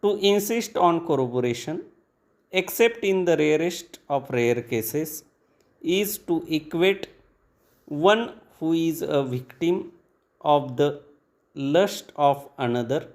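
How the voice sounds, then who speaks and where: A man dictating formal legal text for shorthand practice, reading in short measured phrases with pauses between them. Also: on the high side.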